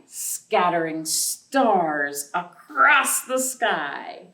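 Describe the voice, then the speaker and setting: Recorded at a distance in an echoey room, a woman hosting a library storytime reads aloud and shares counting rhymes with young children. Her lowish voice is pushed and bright, sing-song and extremely slow, and she asks the kids questions as she goes.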